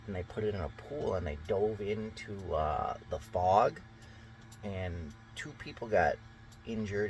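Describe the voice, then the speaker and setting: A man's voice: sits low, a bit bright, a little hiss or hum, poor audio. A man vlogging from a boat on a river, talking in a rambling, chatty way with many fillers. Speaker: boating vlogger. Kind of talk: casual vlog narration.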